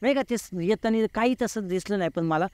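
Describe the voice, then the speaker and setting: A man's voice: high voice, brisk, darkish tone, clear, resonant tone, no echo. A man in his forties, a guest telling a true story in an interview, vivid and repeating words for effect.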